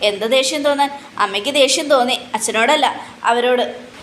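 A defiant young woman from a TV serial, sharp and scornful in every line, as a woman reads her. The voice sits a little high and stays close to the reader's own, with faint hiss behind it. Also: moderate pace.

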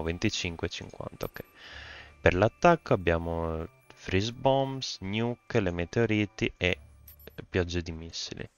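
A man giving casual gameplay commentary as a YouTuber, thinking aloud, reading game text out and breaking into excited exclamations. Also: sits low, clear, resonant tone. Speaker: gaming YouTuber.

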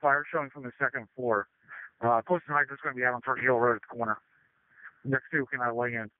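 A man's voice: medium pitch, fairly even intonation, fast talker, dry recording. A man reporting as a firefighter over a two-way radio in terse, procedural phrases. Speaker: firefighters on scene. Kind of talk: fireground radio traffic. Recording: tinny, narrow radio transmission.

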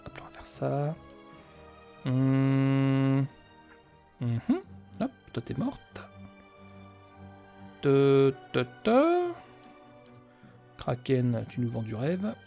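A man's voice: on the high side, creaky, a little mellow. A man hosting a let's play, joking with the characters and reading game text aloud. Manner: joking, chatty, talks to the characters on screen.

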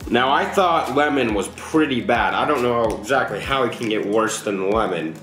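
A man's voice: mid-range voice, animated, moderate pace, a bit bright, faint music behind. A teenage young man casually commentating on a challenge while eating sour candy, groaning as he reacts. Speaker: vlog host. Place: small indoor room at home, seated at a table. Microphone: camera a short distance away. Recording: echoey room, distant camera mic.

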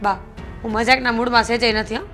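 A young woman playing a stubborn, demanding newlywed wife who talks loudly and argues. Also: on the high side, flat delivery, quick pace, soft background music. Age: young adult. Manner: loud, argumentative.

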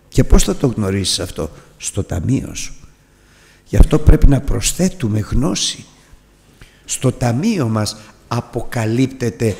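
Impassioned preacher man in a reverberant hall. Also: mid-range voice. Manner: impassioned preaching that swells to near-shouts. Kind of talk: sermon.

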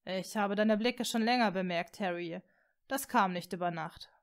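Reading a fan story aloud, a woman voices a blond teenage boy wizard who is gentle and tentative, speaking softly and in a hush. Her pitch is medium, her speed normal, and the voice stays close to her everyday one.

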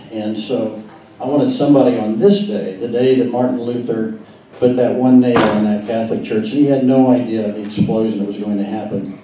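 A man's voice: mid-range voice, mellow. A man organizing a meeting, introducing a speaker in a rambling, hesitant way with fillers. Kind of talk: speech at a meeting. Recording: echoey room, distant mic, faint noise.

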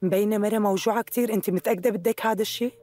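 A woman dubbing a quick-talking doubtful friend. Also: medium pitch, steady tone, mellow, lightly acted. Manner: doubtful, asks worried questions. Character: wary young woman, the host's doubtful friend. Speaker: dubbing actress.

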